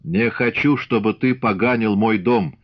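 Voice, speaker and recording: A man's voice: deep voice, expressive, moderate pace. A man voicing a stern, hot-tempered old Cossack father in an audiobook, firm and commanding, snapping out his words. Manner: shouts and snaps, firm and commanding. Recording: dull lo-fi audiobook recording.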